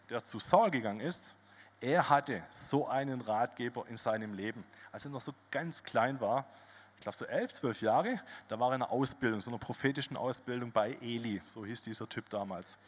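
A man preaching a sermon as pastor, telling stories in a lively way with casual asides. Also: mid-range voice. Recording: long hall reverb.

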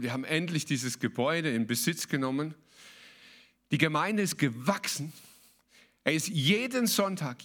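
Man, pastor, sermon, emphatic, colloquial, somewhat high voice. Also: a bit bright. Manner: emphatic, colloquial, mixing in English words.

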